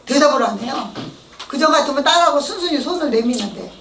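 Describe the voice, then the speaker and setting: A middle-aged woman with a high voice tells her testimony in church, lively and animated, slipping into the voices of the people she quotes. She sounds a little far from the mic in an echoey hall, with faint room ambience behind her. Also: a little fast, slight background noise. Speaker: testimony speaker.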